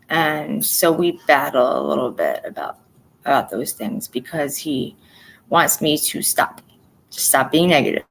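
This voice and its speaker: A woman with a fairly low voice gives an emotional personal update to her viewers. She talks bluntly and plainly, swears freely and repeats phrases to drive her point home. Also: creaky, breathy edge, poor audio. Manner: blunt and profane, venting frustration; plainspoken, repeats herself for emphasis. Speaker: vlogger.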